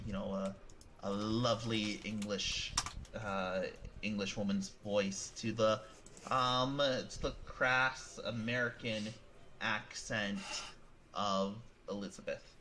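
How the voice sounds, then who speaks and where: A man runs a tabletop game as game master, describing scenes in a halting way that repeats words. His voice is bright and clear at an average pitch, with faint noise under it.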